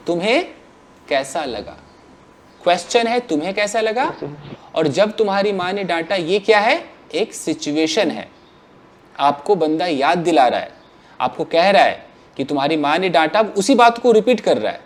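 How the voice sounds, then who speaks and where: A man teaching English grammar to a class, asking questions and answering them himself in an animated way. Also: sits high, measured pace, a little hiss or hum.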